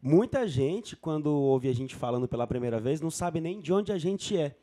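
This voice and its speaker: A man from Brasília, a singer, chatting casually as a guest and telling stories in a relaxed way. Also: on the high side, moderate pace. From Brasília, Brazil. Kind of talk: casual chat.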